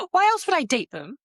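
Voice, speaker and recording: A woman's voice: very high-pitched, no echo. A woman co-hosting a podcast, telling stories in casual chat, swearing freely and using many fillers. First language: English. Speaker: podcast co-host.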